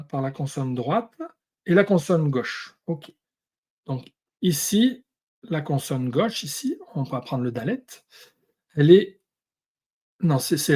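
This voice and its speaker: A man teaching a lesson, going through Hebrew and Greek words one at a time with many pauses. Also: fairly high pitch, darkish tone, breathy edge. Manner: explains word by word, pausing often. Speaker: Bible teacher.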